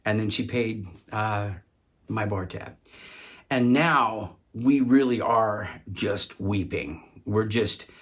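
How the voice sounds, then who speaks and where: A man telling a personal story, halting often to repeat and restart his words. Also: fairly low pitch.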